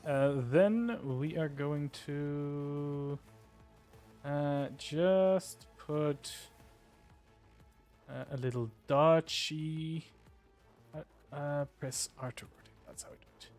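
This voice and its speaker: A male streamer giving live gameplay commentary, joking at himself and breaking into swears and exclamations at the screen. His voice sits fairly high and he talks at an unhurried pace. Soft music plays faintly in the background. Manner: self-mocking, swears and exclaims at the game.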